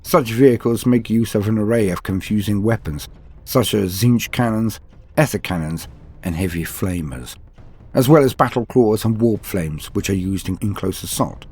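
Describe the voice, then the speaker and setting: Narrating scripted fantasy wargame lore, this host of a tabletop lore channel speaks in a theatrical, florid and formal style. His voice is fairly low and a little mellow, with a slightly rough texture. He talks at a normal speed.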